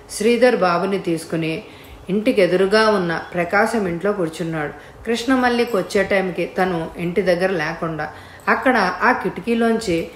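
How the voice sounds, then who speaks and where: A woman narrating an audiobook story in a steady, measured voice. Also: fairly low pitch, echoey room, slight background noise.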